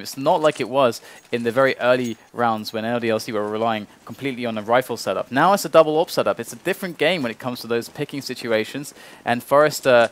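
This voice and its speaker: A man working as an esports caster, giving analytical, explanatory live commentary on a shooter match. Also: medium pitch.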